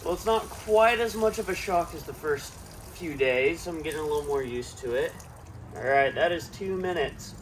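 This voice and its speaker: A man's voice: a little high, moderate pace, background noise. A man vlogging casually from an ice bath outdoors, his voice gasping and strained from the freezing cold water. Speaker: vlogger documenting a challenge. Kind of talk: casual self-filmed vlog.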